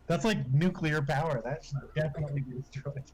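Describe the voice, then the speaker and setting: A man's voice: fairly high pitch, fairly quick, darkish tone, a little hiss or hum, rough recording. A man playing a tabletop game, making blunt dry quips. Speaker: player. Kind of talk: casual tabletop play.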